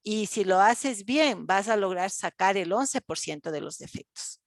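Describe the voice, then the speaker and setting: A woman's voice: mid-range voice, expressive, a little slow, no room sound. A woman, lecturing an online class, explaining step by step with frequent fillers and check-ins to students. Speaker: university lecturer.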